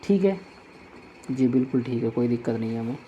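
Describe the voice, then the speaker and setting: A man teaches a grammar lesson, going over each point twice as he writes it on the board. His voice is very dark and mellow. A faint hiss sits under the recording. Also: medium pitch, animated, highs cut off. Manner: patient, repeats each point slowly while writing on a board.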